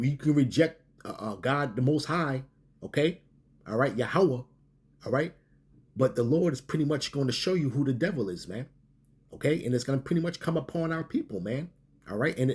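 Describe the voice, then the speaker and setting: Husky man preaching with halting fillers. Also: medium pitch, darkish tone. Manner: halting, many fillers and tag questions like okay and man. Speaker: teacher of a religious group. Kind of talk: sermon-style talk to camera.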